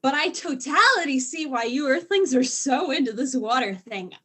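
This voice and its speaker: A woman's voice: high-pitched, expressive, normal speed, fairly bright tone, slightly rough, full character voice. A woman voicing a tipsy, flustered female alien diplomat who is secretly a spy, in a student audio drama, rambling and tripping over her words. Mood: giddy.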